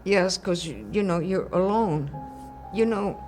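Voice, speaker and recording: Slow-spoken older woman from Belgium. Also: fairly low pitch, a little mellow, faint music behind. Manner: slow, halting, searching for words. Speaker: Holocaust survivor giving testimony. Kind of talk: archival testimony interview.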